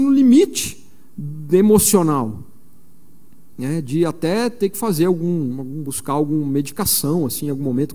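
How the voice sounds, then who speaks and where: Mellow-voiced preacher in an echoing church. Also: male voice, on the high side. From São Paulo, Brazil. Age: 40s. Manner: conversational storytelling with frequent fillers. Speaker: missionary preacher. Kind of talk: conference sermon. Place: large church. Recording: long reverb of a large church hall.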